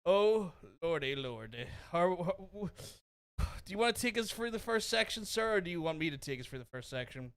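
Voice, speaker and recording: A man with a Belfast Irish accent co-hosting a wrestling podcast in casual chat, excitable and quick to laugh. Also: high-pitched, clean tone, no echo, clean studio sound. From Northern Ireland. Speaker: podcast co-host.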